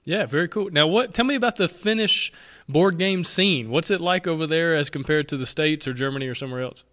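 A man hosting a podcast interview, talking in an upbeat, friendly way and asking quick questions. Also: a little high, bright, forceful tone. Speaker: podcast host. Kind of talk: casual interview chat.

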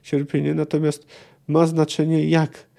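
A man's voice: a little high, monotone, a little slow, gravelly, mellow. A man hosting a podcast, reading passages aloud and commenting on them in a thoughtful, hesitant way, with many fillers. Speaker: podcast host discussing a novel.

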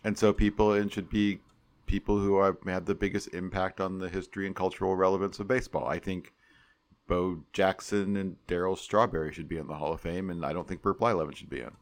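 A man in his forties with a fairly low voice co-hosts a relaxed sports podcast. He reads listener emails aloud with playful emphasis and drifts into loose, opinionated chat. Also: brisk. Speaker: podcast co-host.

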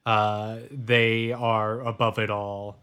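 A man co-hosting a casual podcast chat, wry and halting, with many fillers. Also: on the low side, flat delivery, pushed and bright, smooth. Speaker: podcast co-host.

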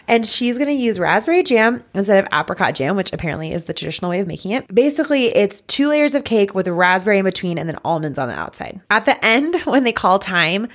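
This is a woman from the United States co-hosting a casual podcast, talking at a middling pitch. She recaps scenes in an easy, chatty way and breaks into laughs now and then. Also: lively intonation, quick pace, hardly any pauses. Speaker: podcast co-host.

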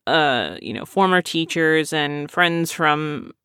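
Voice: medium pitch, expressive, slow, bright, forceful tone, clear, resonant tone, no echo, studio quality. A podcast host in their late thirties, chatting casually and answering listener questions in a self-deprecating, rambling way. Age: 30s. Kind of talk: casual chat.

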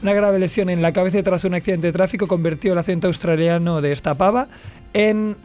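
A man's voice: high-pitched, fairly even intonation, quick pace, a little mellow. A man, hosting a radio show in a casual, jokey way. He reads news items and then mocks them, laughing often. A faint music bed runs under his voice. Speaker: radio host.

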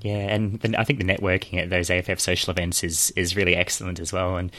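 Aussie guy interviewing, really deep voice, talks quick, dry close sound. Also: flat delivery, a bit bright, no echo. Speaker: podcast host, interviewer. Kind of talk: casual interview.

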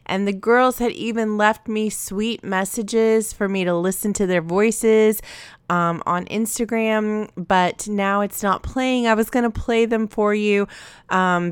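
Gentle woman host with a smooth voice. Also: medium pitch, dry recording. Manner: gentle and encouraging. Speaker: podcast host. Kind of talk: reading listener reviews aloud.

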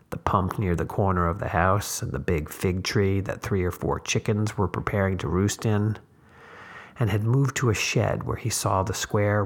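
A man who hosts a podcast, reading a short story aloud in a measured, deliberate way. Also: on the low side, vocal fry. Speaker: podcast host and narrator. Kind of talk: audiobook reading.

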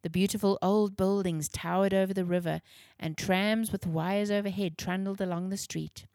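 A woman narrating a children's storybook in a clear, measured reading. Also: medium pitch, fairly even intonation, a little mellow, dry recording, clean studio sound.

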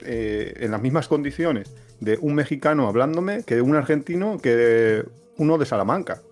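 A man from Valencia, hosting a travel podcast and joking in relaxed banter. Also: medium pitch, moderate pace, faint music behind. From Valencia, Spain. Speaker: podcast host. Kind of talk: casual chat.

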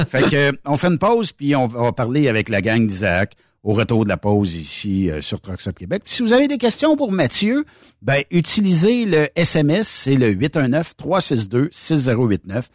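A man with a Quebec French accent hosting a radio show, laid-back and lively as he chats and goes to a break. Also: mid-range voice, normal speed, no echo, clean studio sound. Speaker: radio host. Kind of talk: casual radio chat.

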